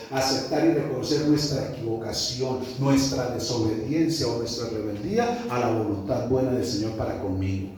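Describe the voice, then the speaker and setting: A man preaching a sermon as a pastor, shifting between loud high bursts and soft, low, slowed passages. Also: a little hiss or hum. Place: church hall. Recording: echoey church hall from far off.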